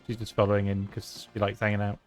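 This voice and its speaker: A man's voice: on the low side, fast, soft background music. A male streamer giving casual, chatty commentary while playing a game. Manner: relaxed, chatty asides with laughs.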